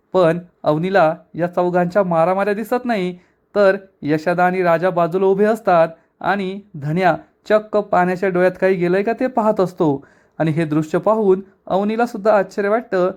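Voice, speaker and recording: A man's voice: high-pitched, a little mellow. Chatty man narrating a serial recap. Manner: brisk, chatty storytelling addressed to friends. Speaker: TV serial episode reviewer.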